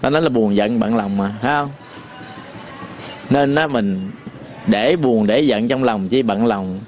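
A man giving a Buddhist sermon, folksy and repetitive, sometimes chanting verse lines slowly. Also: medium pitch, a little mellow, slight background noise. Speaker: Buddhist teacher.

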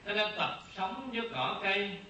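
A man's voice: sits high, expressive, bright, forceful tone, slight background noise. Man teaching in a very echoey room. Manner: slow, repetitive teaching with rhetorical questions. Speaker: Buddhist monk teacher. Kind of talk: dharma talk. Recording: very echoey distant room sound, faint ambience.

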